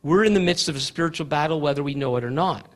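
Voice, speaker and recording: A man's voice: a little high, fast talker. Earnest man preaching a sermon. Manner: earnest, emphatic preaching with mocking quoted asides.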